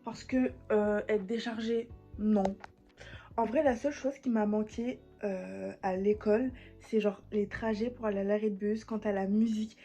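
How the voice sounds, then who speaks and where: A woman's voice: mid-range voice, steady tone, normal speed, warm tone. A woman, chatting casually as she vlogs. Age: late teens. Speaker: vlogger. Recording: muffled lo-fi sound, music behind.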